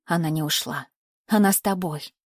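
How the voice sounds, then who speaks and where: A woman putting on an eerie, hushed old seer. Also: on the low side, moderate pace, dry recording, studio quality, lightly acted. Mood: eerie, cryptic. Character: old half-mad seer grandmother, cryptic, spiteful. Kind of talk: audiobook character voice.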